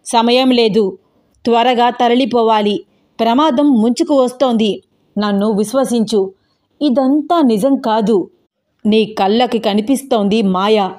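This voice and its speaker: A woman voicing a young woman possessed by a stern male spirit, speaking in slow, grave, commanding warnings. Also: fairly high pitch, darkish tone, natural voice.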